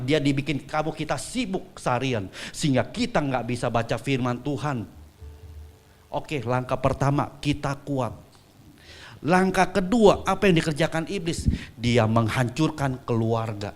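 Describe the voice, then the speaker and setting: A man preaching a sermon, telling a story with acted-out voices and swinging from soft asides to loud peaks. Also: mid-range voice. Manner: acts out quoted voices in dialogue.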